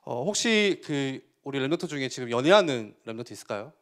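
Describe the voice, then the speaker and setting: A man giving a youth sermon, asking the listeners questions and acting out quotes with sudden loud bursts. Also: medium pitch, a little fast. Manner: animated, asks the listeners questions. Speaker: youth pastor.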